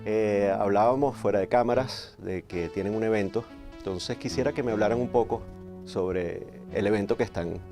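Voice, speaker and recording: A man's voice: lowish voice, normal speed, warm tone, soft background music. A man hosting a talk show, asking questions and giving short acknowledgements. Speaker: host.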